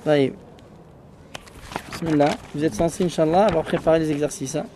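A man's voice: a little high, fairly even intonation, background noise. Man teaching, quizzing his class. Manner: patient, quizzing students with quick questions. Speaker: Arabic teacher. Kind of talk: classroom lesson.

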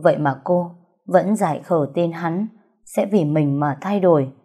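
A woman narrating a story in a steady, even reading voice. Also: fairly low pitch, unhurried, breathy edge. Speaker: audiobook narrator.

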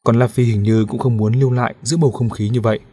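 A man reading a novel aloud as an audiobook narrator, in a steady, even storytelling manner. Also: medium pitch, quick pace, slightly rough.

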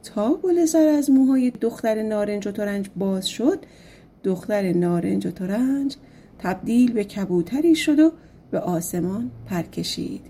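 A woman's voice: mid-range voice, lively intonation, dark tone, a little hiss or hum. A woman narrating a folk tale audiobook in a casual, colloquial storytelling manner.

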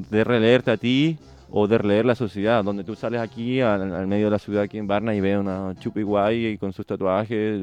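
A man being interviewed on the radio as a touring cyclist, telling stories in a reflective, halting way with sudden shouted reenactments. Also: fairly low pitch, clean tone. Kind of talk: radio interview, casual storytelling.

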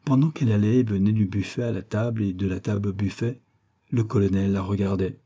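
Low, mellow male narrator. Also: steady tone, fairly quick, slightly rough. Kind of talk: audiobook narration.

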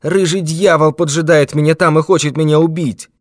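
A man's voice: sits high, expressive, moderate pace, pitched above the performer's own voice. A man voicing a frail, paranoid old man who shrieks in panic. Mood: panicked.

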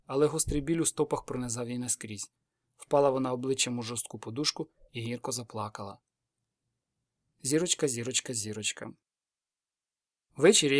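A man reading a dark folk tale aloud as an audiobook narrator, with a steady, brisk storytelling delivery. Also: mid-range voice, dry recording, clean studio sound.

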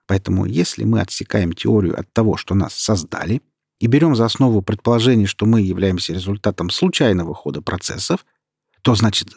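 A man's voice: on the low side, gravelly, darkish tone, husky, no room sound, studio quality, full character voice. A man reading a proud, science-minded young woman. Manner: earnest, explaining at length. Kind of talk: audiobook character reading.

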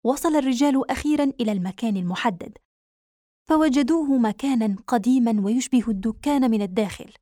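A woman narrating a novel aloud in a measured, even reading style. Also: a little high, no echo, studio quality. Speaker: audiobook narrator.

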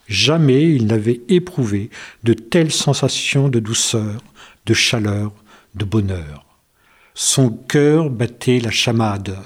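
A man narrating a children's tale in a gentle, measured reading. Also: mid-range voice, slightly rough. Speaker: storyteller. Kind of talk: storybook narration.

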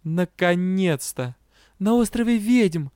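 A man's voice: sits high, steady tone, brisk, warm tone, clear, resonant tone, no room sound, voice pushed up, close to an everyday voice. A man voicing a frightened young woman, a magic student, who pleads while close to tears. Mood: pleading.

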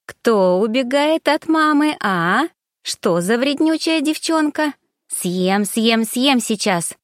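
A woman's voice: a little high, expressive, slow, no echo, voice pushed up. A lady reading as a young worried mom-to-be, teary but gutsy, in a dry close audiobook voice. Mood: playful. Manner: emotional, tearful, then resolute. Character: young anxious pregnant woman, later a doting mother. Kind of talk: audiobook character voice.

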